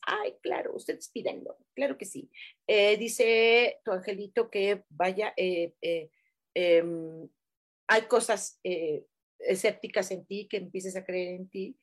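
A woman's voice: mid-range voice, expressive, slow pace. A woman with a Mexican accent hosting a live stream, reading viewers' comments aloud and giving them affectionate, rambling spiritual messages with many fillers. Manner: warm, chatty, many fillers, affectionate terms. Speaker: livestream host giving angel messages. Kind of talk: casual live-chat reading.

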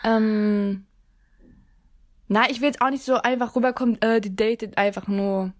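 Young woman podcasting, laughs a lot, throws in english bits, bit high voice. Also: fairly even intonation, moderate pace. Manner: laughs often, mixes English into German. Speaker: podcast co-host. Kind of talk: casual chat.

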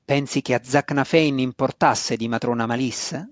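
A haughty dark elf high priestess, as a male narrator puts her on, cold and commanding in a storybook reading. The voice sits in the middle range and sounds close and dry, with no room around it. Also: moderate pace, no echo, lightly acted.

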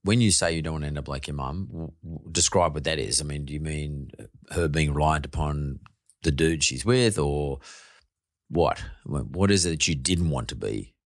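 A man's voice: rumbling low, moderate pace, dry recording, clean studio sound. A man hosting an interview podcast, asking probing follow-up questions. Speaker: podcast host.

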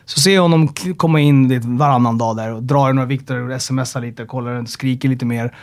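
A man, a personal trainer, chatting casually on a podcast and telling stories with lots of swearing and acted-out dialogue. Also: medium pitch. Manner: animated storyteller who swears and acts out dialogue.

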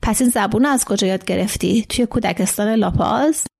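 A woman's voice: mid-range voice, vocal fry, darkish tone. A woman reading the part of an agitated older man, a camp survivor who pleads with his friend insistently, in a storybook reading. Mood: urgent.

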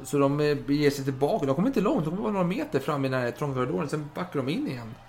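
A man recounting history in a loose, animated way, peppering it with swearing. His voice sits a touch higher than most men's. He tells the story with energy as a podcast host. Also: slight background noise. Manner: lively, swearing, animated retelling.

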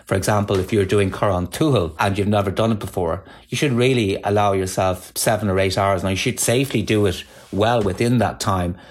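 A man from Galway with a west of Ireland accent, explaining things as an interview guest in a measured, discursive, conversational way. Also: fairly low pitch, fairly even intonation, slightly rough.

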